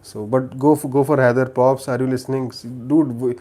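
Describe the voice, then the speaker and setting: This Indian livestream host, who has a Telugu accent, talks a little fast in a warm, mid-range voice with fairly even intonation. Casually recommending movies, he frequently repeats words and restarts sentences.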